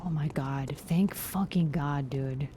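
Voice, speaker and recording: A woman streaming a game live, chatting casually and swearing, quick to squeal when excited. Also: background noise. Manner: excitable and profane, jumps to high yelps. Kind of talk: casual live gameplay commentary.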